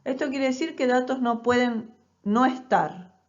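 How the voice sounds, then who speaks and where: On a muffled recording, a woman with a high-sitting voice delivers a nursing class without hurrying. She walks through the material step by step and keeps checking in with rhetorical questions.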